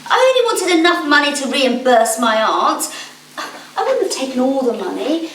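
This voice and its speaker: A woman's voice: high voice, sing-song, moderate pace, fairly bright tone. A woman playing a young heiress who talks in a pleading and then scornful way, in an amateur stage play. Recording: echoey stage from far off, noisy.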